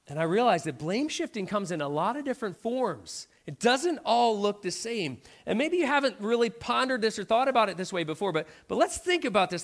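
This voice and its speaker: A middle-aged man preaching a sermon in a conversational way, often checking in with "right?". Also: high voice. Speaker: pastor.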